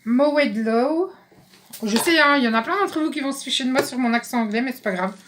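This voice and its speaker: A woman chatting casually in a craft haul video, reading out English product names haltingly. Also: sits high, a bit bright, slight background noise. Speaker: craft vlogger.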